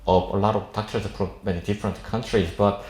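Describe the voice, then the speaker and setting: A South Korean plastic surgeon in his 40s gives an informal seminar presentation to an audience in an indoor seminar room, and the recording echoes. His low voice has a steady, slightly mellow tone and a Korean accent. His English is halting and non-fluent but jovial, with frequent chuckles.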